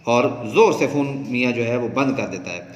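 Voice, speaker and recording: A man's voice: medium pitch, lively intonation, moderate pace, reverberant, long reverb tail. A male teacher, narrating a play and explaining word meanings in a lecture. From Pakistan. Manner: explanatory, storytelling. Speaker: Urdu teacher. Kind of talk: lecture, reading a play aloud and explaining words.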